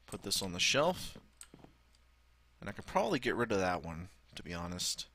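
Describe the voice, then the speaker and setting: A man's voice: low voice, sing-song, normal speed, pushed and bright, no echo. A man with a Southern US accent giving casual, rambling gameplay commentary, thinking aloud and swearing freely. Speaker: gaming video host.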